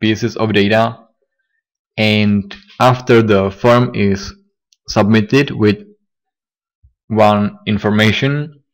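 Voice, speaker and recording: A man teaching a coding tutorial, a little hoarse and talking haltingly with fillers and restarts. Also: lowish voice, steady tone. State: slightly hoarse, losing his voice. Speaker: programming tutor. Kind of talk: screen-recorded coding tutorial.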